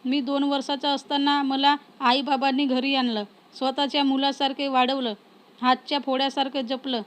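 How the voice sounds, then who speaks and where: A woman reading the lines of a tender young man in a storybook romance, in a soft, even way. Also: high voice, normal speed, close to an everyday voice.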